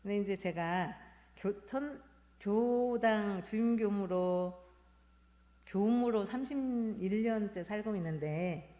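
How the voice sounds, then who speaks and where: A woman in her fifties, a Won Buddhist minister, giving a halting, reflective talk at a Sunday service. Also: fairly low pitch, warm tone. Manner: halting, reflective, personal storytelling. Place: temple hall. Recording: long hall reverb.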